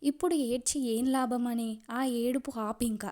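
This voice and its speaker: Woman doing an angry young man in a romance audio story, scolding through a choked, mellow voice, pitched highish. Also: steady tone, unhurried, close to an everyday voice.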